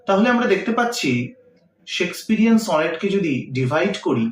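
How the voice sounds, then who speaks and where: Male teacher, literature lecture, fairly high voice, short paced phrases, roomy echo, distant mic. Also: lively intonation, a little fast. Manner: explains in short, paced phrases, mixing in English terms.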